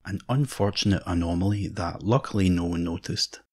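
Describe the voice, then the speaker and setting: Guy with a deep husky voice doing dry deadpan doc-style narration. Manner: measured, deadpan. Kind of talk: scripted deadpan mock-documentary narration.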